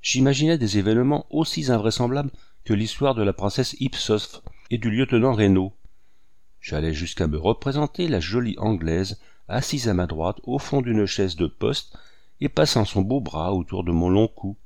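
A man narrating a classic novel as an audiobook in a measured, expressive reading. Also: lowish voice, no room sound, clean studio sound. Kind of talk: scripted literary narration.

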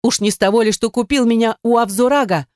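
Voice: medium pitch, moderate pace, darkish tone, no echo, clean studio sound, pitched above the performer's own voice, natural voice. An audiobook narrator voicing a defiant, indignant young woman in dialogue, with protesting exclamations.

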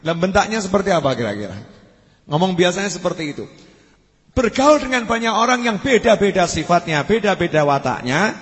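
High-voiced man preaching in a reverberant hall. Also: big pitch swings, a little fast, fairly bright tone. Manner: repeats and stretches key words, often trailing off low at phrase ends. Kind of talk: Islamic study sermon. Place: mosque study hall.

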